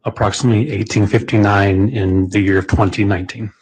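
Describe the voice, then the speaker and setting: A man's voice: fairly low pitch, fairly even intonation, fairly quick, darkish tone, low-quality recording. A man testifying as a witness, giving brief matter-of-fact answers, heard on a courtroom recording. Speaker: witness, federal special agent.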